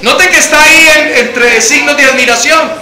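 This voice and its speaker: A man's voice: very high-pitched, moderate pace, pushed and bright, some chatter behind. A man leading a Bible study, reading scripture dramatically and asking the congregation questions. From Colombia. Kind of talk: church Bible study teaching. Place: church hall. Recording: echoey church hall.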